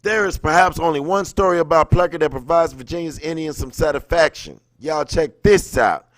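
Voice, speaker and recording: Speaking at normal speed with a fairly high pitch and no room sound, a livestream host keeps it informal and slangy. He switches between reading aloud and casually chatting with viewers, dropping their names in mid-thought.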